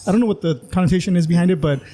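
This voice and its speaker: A man hosting a podcast interview, asking questions in a hesitant, halting way full of fillers. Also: sits high, warm tone. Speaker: podcast host. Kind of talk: casual interview chat.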